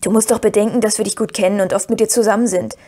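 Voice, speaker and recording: A woman reading the part of Merry, a calm and knowing young male hobbit who speaks with quiet decisiveness. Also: medium pitch, racing, lightly acted. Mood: reassuring.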